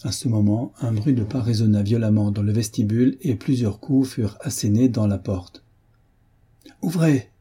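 Guy reading an old novel out loud, super husky and dark, takes his time. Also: lowish voice, fairly even intonation, moderate pace, few pauses. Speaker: audiobook narrator. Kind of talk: scripted narration of a novel.

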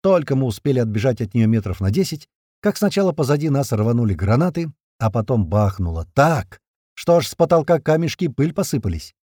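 A man's voice: medium pitch, very animated, a little fast, mellow, no room sound, clean studio sound. A man narrating a first-person action audiobook in a terse, punchy, slangy manner.

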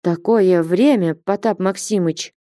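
A woman voicing a timid, guilty young male clerk who answers haltingly and pleads in a storybook reading. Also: mid-range voice, expressive, warm tone, no room sound, studio quality, voice pushed up. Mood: faltering. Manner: faltering, pleading.

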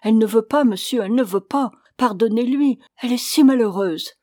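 A woman's voice: a little high, brisk, mellow, no echo, studio quality, pitched above the performer's own voice, close to an everyday voice. Woman reading as a pleading old servant woman. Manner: pleading, imploring.

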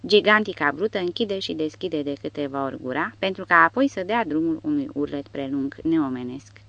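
A woman narrating an audiobook in a dramatic, expressive reading style. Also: low-pitched, vocal fry, dry recording. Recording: dull dry recording.

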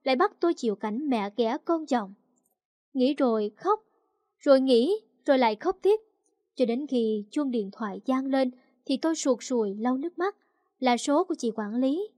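A woman's voice: sits high, expressive, normal speed, warm tone, no room sound. A woman narrating a first-person story in an emotional, confiding way.

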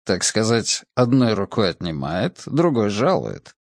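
A man's voice: fairly low pitch, big pitch swings, a little slow, dry recording, clean studio sound. A man voicing a politician muttering sardonic remarks. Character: sardonic male member of parliament.

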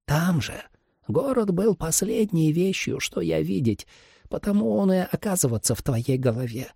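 A man's voice: a little high, lively intonation, moderate pace, vocal fry, mellow, breathy edge, dry recording, clean studio sound, pitched above the performer's own voice, full character voice. Man voicing a quavering old ghost mentor. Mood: urgent. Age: older. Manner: broken grammar, foreign-sounding, quavering. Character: old male ghost mentor, broken speech.

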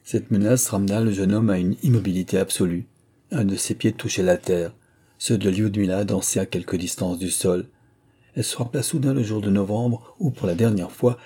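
Dark, husky male audiobook narrator. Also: on the low side.

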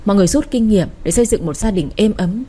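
A woman's voice: mid-range voice, lively intonation, quick pace, mellow, slightly rough. A woman voicing a polite, composed young sister-in-law who speaks deferentially. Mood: polite calm.

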